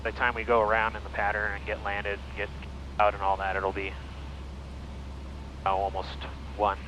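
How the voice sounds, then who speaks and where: A man's voice: on the low side, completely flat delivery, normal speed, bright, forceful tone, low-quality recording. A man flying a small plane, chatting casually as a private pilot and making pilot radio calls on a headset. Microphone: aviation headset intercom. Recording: cockpit intercom with faint engine noise.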